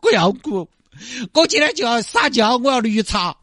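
Guy doing a high whiny sichuan-lady trucker, super sing-songy, all self-pity. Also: sing-song, normal speed, fairly bright tone, no echo, studio quality, heavily acted. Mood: whiny, tearful. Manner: whiny, self-pitying wailing and dramatic complaints. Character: weepy, helpless woman trucker, middle-aged.

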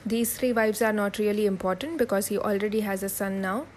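A woman's voice: mid-range voice, a little fast, slight background noise, poor audio. A woman teaching a history lesson for exam students. She repeats key points, spells names letter by letter and asks questions that she answers herself.

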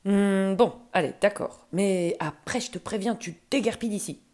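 A woman reading a storybook and voicing a grumpy, short-tempered male ogre who barks his lines loudly. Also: mid-range voice, normal speed, close to an everyday voice. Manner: loud, barking commands.

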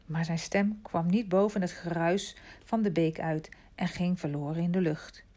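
Calm low-voiced woman storyteller. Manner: calm, measured, sinking to a hush at quiet moments. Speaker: audiobook narrator. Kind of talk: scripted storybook narration.

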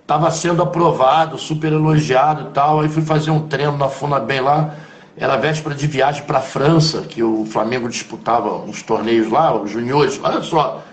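A man with a Carioca accent, a former footballer, telling stories from his past in an interview, in an animated, slangy way full of asides. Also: medium pitch. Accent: Carioca Brazilian Portuguese. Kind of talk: conversational storytelling interview. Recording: roomy echo.

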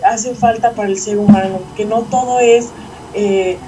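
A woman speaking as a guest, reflective and halting. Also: medium pitch, fairly even intonation. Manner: reflective, halting with many restarts. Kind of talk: casual chat. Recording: distant mic with faint noise.

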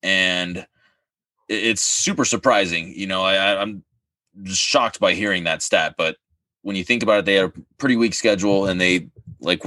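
A man co-hosting a casual sports talk show, easygoing and halting, with frequent fillers. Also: sits low, pushed and bright, no room sound. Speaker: sports podcast co-host.

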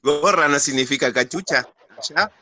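A man's voice: fairly high pitch, normal speed, pushed and bright, dry recording. An Argentine man with an Argentine Spanish accent, chatting casually in a playful, joking way. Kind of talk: casual chat.

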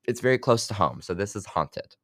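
A man's voice: on the low side, expressive, fairly quick, a bit bright, a little hiss or hum. A young man hosting a casual music review podcast, loose and chatty with lots of fillers. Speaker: podcast host.

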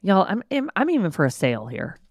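A woman's voice: mid-range voice, quick pace, no echo, studio quality. A woman in her thirties co-hosting a home podcast in casual chat, playful and teasing. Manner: playful teasing, animated imitations. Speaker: podcast co-host. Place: home basement studio.

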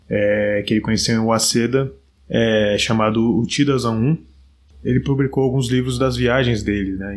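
Breathy Brazilian man hosting solo. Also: lowish voice. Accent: Brazilian Portuguese. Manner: relaxed, explanatory, many fillers like "né" and "aí". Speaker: podcast host. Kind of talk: solo podcast talk on martial arts history.

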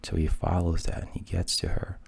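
Gravelly, very deep-voiced male storyteller. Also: a little fast. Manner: wry, deadpan asides. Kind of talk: fairy tale narration, often half-whispered.

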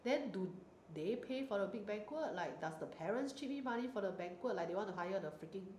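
A woman's voice: mid-range voice, lively intonation, a little fast, darkish tone. A young Singaporean woman chatting casually in colloquial Singlish, blunt and exclamatory, dropping in particles and Mandarin words. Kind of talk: casual chat. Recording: roomy echo, light background noise.

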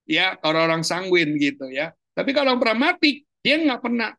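A man, a pastor, giving a casual teaching talk on a video call, colloquial and animated, jumping up in pitch for emphasis. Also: a little fast, creaky, no echo. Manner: animated, colloquial, jumps high in pitch for emphasis and laughs often. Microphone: online video call.

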